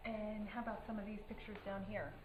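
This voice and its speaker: Female interviewer, rapid delivery, brief encouraging questions, muffled off-mic sound with music. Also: mid-range voice, level tone.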